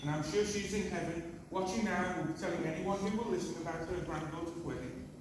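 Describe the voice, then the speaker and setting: In a big reception hall, the bride's father, a middle-aged man, gives his prepared speech and toast in brief phrases, with a high voice and quick pace. He's far from the mic, and the hall sounds very echoey and noisy.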